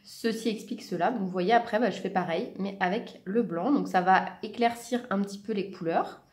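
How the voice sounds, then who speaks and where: A woman in her thirties who works part-time as a teacher chats casually for her vlog while coloring, with many fillers and self-corrections. Her medium-pitched voice is darkish and fairly quick. The room is echoey.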